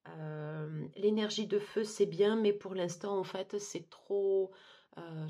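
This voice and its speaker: A woman giving a monthly tarot card reading, talking haltingly with many fillers and restarts. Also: on the low side, slightly rough. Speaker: tarot reader.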